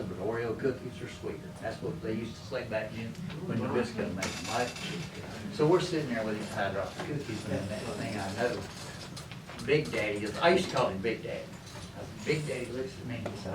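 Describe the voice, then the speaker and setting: A man spins easygoing tales for a gathered audience, chuckling as he slips into other people's voices. He sits well back from the mic in an echoey hall. Loud room ambience fills the space around him. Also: mid-range voice, fairly quick, recorded from a distance, noisy background. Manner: folksy, chuckling, quotes others in bits of dialogue. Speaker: storyteller at a krewe gathering. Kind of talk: casual anecdote telling to a live group.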